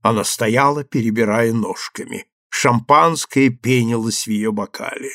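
Gravelly male audiobook reader. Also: medium pitch, measured pace, pushed and bright, no echo, clean studio sound. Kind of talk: literary audiobook narration.

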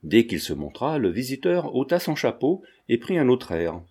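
A man reading a novel aloud as an audiobook narrator, with an expressive storytelling delivery. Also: mid-range voice, moderate pace, breathy edge. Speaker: audiobook reader.

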